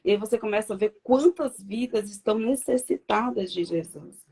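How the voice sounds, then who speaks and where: A woman's voice: mid-range voice, normal speed, mellow, slightly rough. A woman giving an earnest, reflective personal faith testimony as a guest on a video call.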